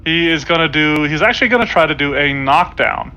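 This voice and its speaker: A man with a bright, slightly higher voice playing a tabletop game. He lays out his moves and rules questions step by step in casual talk. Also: expressive, fairly quick, clear, resonant tone, lo-fi sound. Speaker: player.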